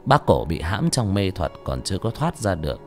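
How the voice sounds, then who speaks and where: A man narrating a fantasy story in an expressive, dramatic way. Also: sits low, moderate pace. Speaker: audiobook narrator. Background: faint music.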